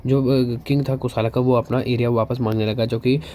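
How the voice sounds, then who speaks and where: Hinglish tutor with slow read-outs, quick asides. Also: male voice, medium pitch, flat delivery, warm tone, a little hiss or hum. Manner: reads English lines slowly, explains quickly in Hinglish with fillers; keeps asking and answering his own questions. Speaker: history teacher. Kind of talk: exam-prep lecture.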